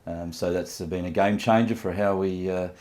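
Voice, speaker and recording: A middle-aged man answering interview questions as a local government representative, measured and formal with frequent ums. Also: low-pitched, fairly even intonation, a little mellow.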